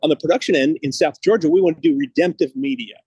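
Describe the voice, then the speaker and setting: Here a podcast host in his fifties chats easily on a video call, phone held at arm's length, as he walks outside and then into a studio building. The voice sits fairly high and moves fast, a little mellow and breathy, and the recording is dry.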